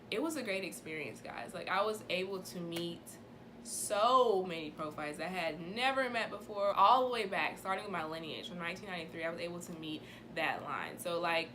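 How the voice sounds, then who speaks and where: Woman in her 20s, bubbly sorority-girl enthusiasm, slightly low pitch, casual vlog chat, some background noise. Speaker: vlogger, sorority member.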